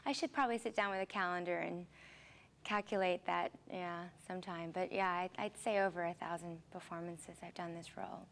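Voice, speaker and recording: A woman's voice: fairly low pitch, fairly even intonation, a little fast, gravelly, a bit bright. A young woman, a musical theater actress, answering interview questions in a friendly, chatty way, with many fillers and restarts. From Philippines, raised in Seattle. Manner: friendly, chatty, with frequent fillers and repeated starts.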